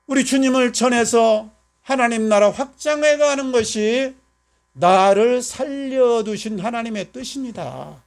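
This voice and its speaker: Older male pastor in his 70s, high-pitched, emphatic sermon delivery with rhetorical questions. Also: a little slow. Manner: folksy storytelling.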